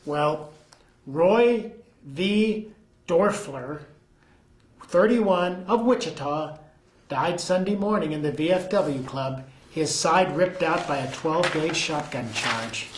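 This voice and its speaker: A man's voice: on the high side, slow pace. Folksy jokey man reading old news. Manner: folksy, jokey, acts out quotes. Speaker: co-host. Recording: echoey room.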